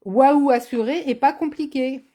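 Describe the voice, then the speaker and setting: A woman's voice: high voice, a little slow, warm tone. A woman running a live card-making tutorial as a craft demonstrator, chatty and teasing, speaking to viewers by name. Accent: has an accent, not named.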